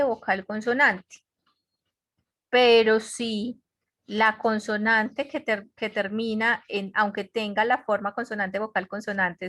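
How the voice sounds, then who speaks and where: Woman teacher, unhurried online grammar lesson, patient repeated explanations, dry close sound. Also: mid-range voice, fairly bright tone, no echo. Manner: patient, repetitive explaining with frequent check-ins. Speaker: English teacher. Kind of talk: online class lecture. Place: home office on a web conference.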